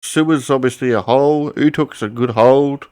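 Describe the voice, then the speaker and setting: A man's voice: medium pitch, measured pace, a little mellow, smooth. A man leading a casual sports discussion as podcast host, with matey, sweary banter.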